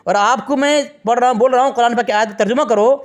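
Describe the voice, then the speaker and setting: A man in a heated religious debate who insistently repeats the same demand, talking over his opponent. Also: very high voice.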